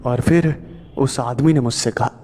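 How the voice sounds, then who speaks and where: A man narrating a first-person horror story in slow, tense storytelling. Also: medium pitch, mellow, a little hiss or hum. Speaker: storyteller narrating as a truck driver.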